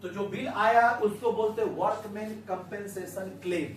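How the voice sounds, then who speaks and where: A man's voice: high-pitched, steady tone, moderate pace, slight background noise. A man teaching an accounting class in a coaxing tone, asking questions and repeating them for the students to answer. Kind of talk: classroom lecture. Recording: echoey room, mic at a distance.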